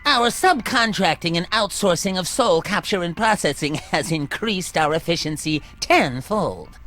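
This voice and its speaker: A self-important little ringleader of hell in a video game. The delivery is prim and officious with animated pitch, set over music. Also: unhurried. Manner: officious, pompous. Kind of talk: video game character acting. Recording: music behind the voice.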